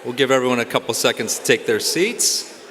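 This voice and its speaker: A man's voice: medium pitch, a little fast, fairly bright tone, a little hiss or hum. A man who co-anchors TV news, emceeing a live gala in a large banquet hall with playful joking.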